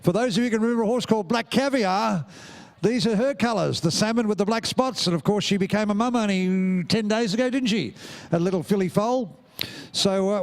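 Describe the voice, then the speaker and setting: A middle-aged Australian man announcing a live showground race, jovial and teasing, rousing the crowd through a handheld mic outdoors. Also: high-pitched. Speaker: ringside announcer. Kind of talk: live event commentary.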